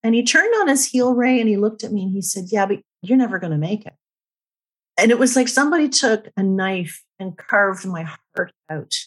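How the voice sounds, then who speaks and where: A woman's voice: a little high, animated, fairly quick, few pauses. A middle-aged woman, a numerologist, telling personal stories candidly and emphatically in a podcast interview. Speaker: numerologist guest.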